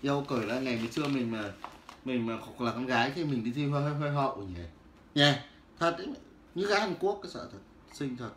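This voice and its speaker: A man, hawking goods on a casual livestream, loud and teasing as he calls out viewers by name. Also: mid-range voice, animated, brisk. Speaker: livestream seller. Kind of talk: casual livestream sales patter. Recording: roomy with faint background noise.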